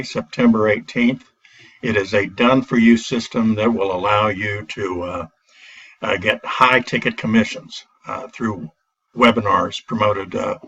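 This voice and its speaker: A man with a lowish, fairly bright voice and a breathy edge gives a casual product review, hesitating often with "uh" fillers and restarts. He's recorded on a built-in laptop mic, so the sound is dull, lo-fi, and distant.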